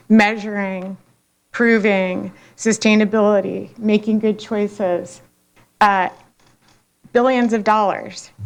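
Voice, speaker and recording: A woman's voice: medium pitch, clear, resonant tone. Emotional woman speaking at a public hearing. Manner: halting, with many fillers and restarts. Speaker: public commenter.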